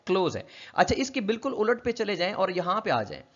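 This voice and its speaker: A man's voice: high-pitched, big pitch swings. Man lecturing on phonetics, lo-fi sound. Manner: explanatory, asks and answers his own questions, demonstrates sounds slowly. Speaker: linguistics lecturer. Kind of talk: explaining a textbook chapter in a recorded lecture. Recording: dull lo-fi lecture recording.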